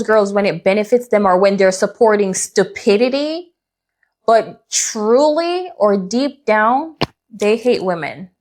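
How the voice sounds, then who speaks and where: A woman giving opinion commentary in an emphatic, declarative way. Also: mid-range voice.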